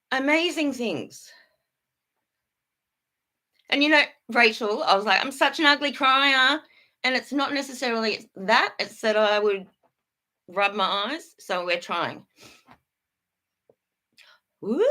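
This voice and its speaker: A blunt woman talks straight to her livestream chat, rambling from one point to the next and swearing without a second thought. Her voice sits a little high, with a bright, forceful edge that cuts through.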